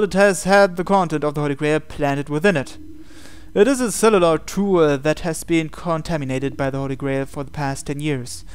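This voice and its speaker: Reading through a visual novel on a playthrough, a man narrates the text and comments along the way. He speaks in a measured rhythm, pausing between phrases, and his slightly high voice is clean, resonant, and smooth.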